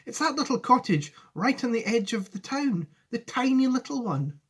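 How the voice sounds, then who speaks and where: A man's voice: very high voice, big pitch swings, moderate pace, fairly bright tone, husky, pitched above the performer's own voice, full character voice. A man reading a storybook aloud, voicing an earnest, eager little boy.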